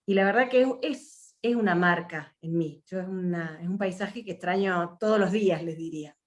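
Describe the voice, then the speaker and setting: A woman's voice: on the low side, normal speed. An Argentine woman from Mendoza leading an online workshop over a video call, speaking reflectively with frequent fillers and restarts. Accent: Argentine Spanish. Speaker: workshop facilitator.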